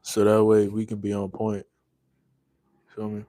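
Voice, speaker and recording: A man's voice: on the low side, completely flat delivery, unhurried, dark tone, no room sound. A young man hosting a casual livestream in a laid-back, slang-heavy drawl, tired and yawning after a long day. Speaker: livestream host. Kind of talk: casual livestream chat reading comments.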